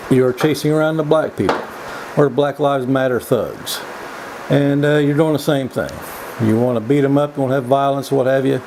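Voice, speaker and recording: A man giving a casual, opinionated vlog monologue in a folksy, halting way, often repeating his words as he goes. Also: mid-range voice, vocal fry, noisy background. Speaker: vlog host. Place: indoors.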